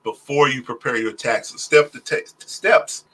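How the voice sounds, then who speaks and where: This Oklahoma pastor, who also prepares taxes, chats informally on a livestream about tax matters, recorded through his phone. His pitch sits in the middle and his tone is fairly bright, while his pace is slow and careful, full of "uh"s.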